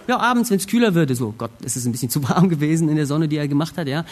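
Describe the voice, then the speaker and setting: A man preaching a sermon, retelling a scripture scene expressively and swinging between hushed reflection and emphatic lines. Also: on the high side, quick pace.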